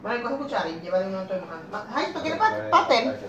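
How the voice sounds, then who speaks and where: A woman's voice: medium pitch, big pitch swings, quick pace, far from the mic, dull audio, a crowd in the background. A woman hosting a home party, handing out cake and calling out to the kids as she bustles around. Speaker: hostess serving cake. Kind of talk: casual talk at a party. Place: small home kitchen at a party. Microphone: far handheld camera. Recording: echoey, noisy room.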